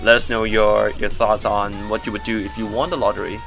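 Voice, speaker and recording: Joking young Canadian podcast co-host. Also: male voice, on the low side, little pitch movement, brisk, vocal fry, fairly bright tone, soft background music. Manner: joking, upbeat, rambling sign-off. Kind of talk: casual chat. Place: small home studio.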